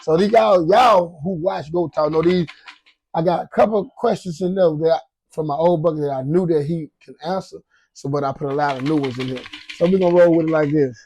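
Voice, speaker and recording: A male podcast host chats casually in a slangy style, swearing heavily and saying "you know" over and over along with other verbal tags. His voice is a little high, slightly rough and darkish, and he talks a little fast. The recording is rough.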